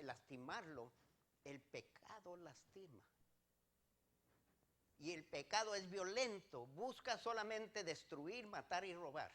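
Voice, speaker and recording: A man's voice: sits high, bright, forceful tone. A male pastor preaching a sermon, rising to emphatic declarations and putting direct questions to the congregation.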